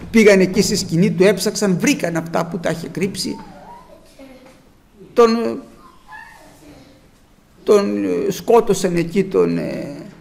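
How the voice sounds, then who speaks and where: A man's voice: high-pitched, creaky, slight background noise. A man preaching a sermon, retelling scripture dramatically with rhetorical questions and exhortations.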